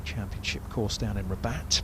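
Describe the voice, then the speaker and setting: Man calling golf over clear outdoor noise. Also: fairly low pitch, normal speed. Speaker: golf commentator. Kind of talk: live golf commentary. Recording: noisy outdoor broadcast.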